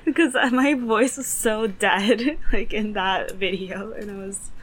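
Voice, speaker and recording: Young woman co-host, giggly, rambling casual chat, mid pitch. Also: fairly even intonation, a little slow. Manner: rambling, full of "like" and fillers, laughs often. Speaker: podcast co-host.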